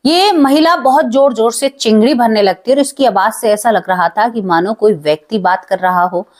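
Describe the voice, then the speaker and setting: A woman's voice: a little high, normal speed. A woman narrating a dramatic supernatural story with emotion, often addressing her listeners as friends.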